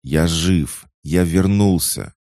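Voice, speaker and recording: A man with a deep, gravelly voice playing a desperate young man who pleads urgently with his sister, his voice breaking. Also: expressive, measured pace, warm tone, dry recording, studio quality, exaggerated voice.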